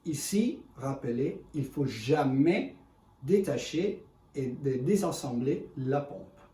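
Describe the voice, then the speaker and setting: A man in gives an unscripted product demonstration in halting, self-correcting, speech. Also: medium pitch, lively intonation, warm tone. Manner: halting non-native French with self-corrections. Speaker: ice cream machine presenter. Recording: echoey room, distant mic, faint noise.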